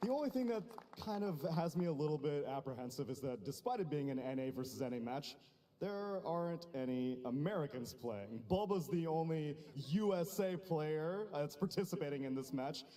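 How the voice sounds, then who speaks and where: A man's voice: fairly high pitch, expressive, moderate pace, warm tone. A man hosting live esports, jokingly rousing the crowd into chants. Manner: playful, jokey crowd-rousing. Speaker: esports host working the crowd. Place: convention center stage. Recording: large hall reverb with crowd.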